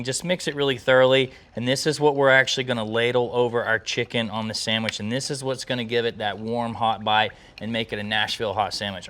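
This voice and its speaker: With a bright, forceful voice at medium pitch, a man hosts a cooking video. He speaks to the camera in a casual, folksy, and enthusiastic way, addressing his viewers directly.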